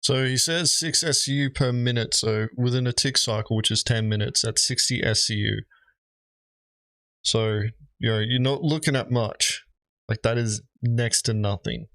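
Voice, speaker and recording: A man's voice: medium pitch, normal speed, a bit bright, dry recording. A man giving casual, rambling commentary as he reacts to gaming videos, with lots of fillers. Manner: rambling, frequent "you know" fillers.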